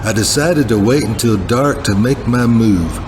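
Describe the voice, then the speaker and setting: A man playing a self-important, slangy hardboiled sleuth, narrating a film noir parody in a terse deadpan. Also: medium pitch, measured pace, noisy background, lightly acted. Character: self-important hardboiled male private-eye type, slangy bank manager. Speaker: narrator and lead character. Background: music under the voice.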